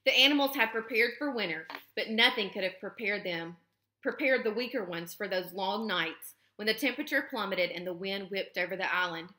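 Woman teacher reading a children's novel aloud, bright and expressive, roomy echo. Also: medium pitch, a little fast. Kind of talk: children's book read-aloud.

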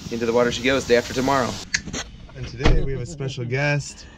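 A man hosting a casual sailing vlog outdoors, talking excitedly to an action camera held at arm's length. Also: mid-range voice, fast talker, a loud crowd, rough recording. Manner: excited, upbeat narration. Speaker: vlog host, sailor. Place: outdoors on a boat and boatyard. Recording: music playing underneath.

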